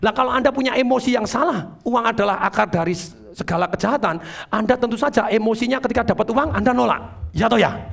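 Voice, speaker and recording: High, gravelly motivational speaker man. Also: fast, a bit bright. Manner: call-and-response with the audience; keeps addressing the audience formally. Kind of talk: energetic seminar talk.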